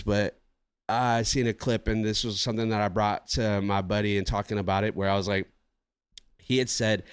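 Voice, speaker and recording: A man co-hosting a podcast in casual chat, rambling and animated, swearing freely as he talks through ideas. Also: lowish voice, clean tone, no echo, studio quality. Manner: rambling, profane and animated, acting out his inner voice. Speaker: podcast co-host.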